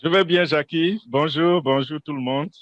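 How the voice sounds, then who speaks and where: A man interpreting a studio interview, speaking in a measured way. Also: on the high side, no room sound, highs cut off.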